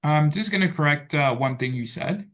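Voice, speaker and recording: A man teaching an English class, talking in a relaxed way full of fillers like "so" and "okay". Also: on the high side, moderate pace. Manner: relaxed, filler-heavy, says "so" and "okay" a lot. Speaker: English tutor. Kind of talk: online tutoring class.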